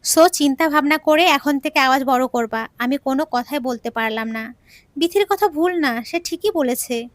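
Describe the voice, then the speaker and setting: A woman's voice: sits high, fairly bright tone, no room sound. Sorrowful woman narrating an audio story. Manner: earnest, sorrowful first-person telling. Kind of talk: scripted first-person narration of an emotional audio story.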